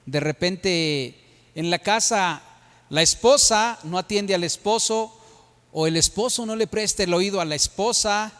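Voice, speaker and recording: A middle-aged Mexican pastor preaches with a high-pitched voice, often asking his congregation for agreement with tag questions. His voice carries the long reverb of a church hall. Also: unhurried, a bit bright, clean tone. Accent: Mexican Spanish. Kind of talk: sermon.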